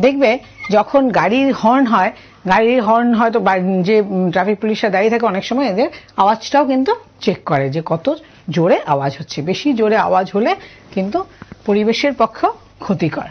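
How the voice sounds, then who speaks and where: Teaching science online, a woman with a Tripura Bengali accent poses questions to her students and walks through explanations one step at a time. She speaks in a mid-range, animated, brisk voice, and the audio is muffled and lo-fi.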